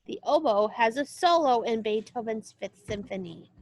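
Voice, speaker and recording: Against a noisy background, this woman reads a children's book aloud as a music teacher, her voice somewhat high, animated and at a moderate pace. She explains for a young audience, alternating between the book's words and brief spoken asides.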